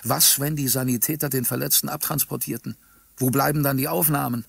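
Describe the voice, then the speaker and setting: A man narrating a humorous audiobook story in a dry, ironic manner with a gravelly voice. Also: mid-range voice, steady tone, brisk, dry recording.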